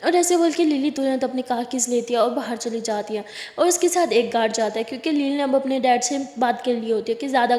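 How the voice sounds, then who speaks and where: A woman's voice: high-pitched, warm tone. A woman narrating a love story in a chatty, conversational way. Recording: echoey room, long reverb.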